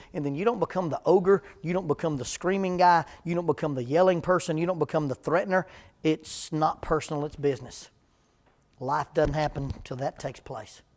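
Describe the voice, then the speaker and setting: A man, a preacher leading a parenting seminar in plain-spoken, humorous talk before a live church audience. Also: on the high side.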